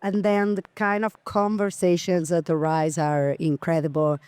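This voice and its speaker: A woman's voice: lowish voice, little pitch movement, normal speed, darkish tone, clear, resonant tone, no room sound. A woman in her forties, an artist guest in a casual interview, speaking hesitantly and searching for words.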